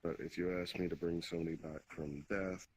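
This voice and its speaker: A man voices an ancient demon king in an online roleplay, using a deep, low, natural voice. The king is formal, deliberate and polite, courteous yet commanding, carrying a calm, quiet authority. Background noise can be heard behind him.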